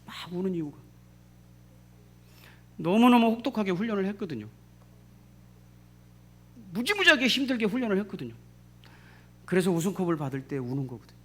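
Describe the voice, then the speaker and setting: Emphatic high-voiced male preacher. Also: big pitch swings, fairly quick, long pauses, a bit bright. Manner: emphatic preaching, repeating key phrases, rhetorical questions to the congregation. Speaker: pastor. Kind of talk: sermon.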